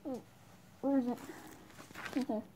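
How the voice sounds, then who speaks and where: A woman vlogger speaking through a gas mask, rambling excitedly with lots of fillers as she shows off her gear. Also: sits high, a little slow, slight background noise. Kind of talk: casual show-and-tell.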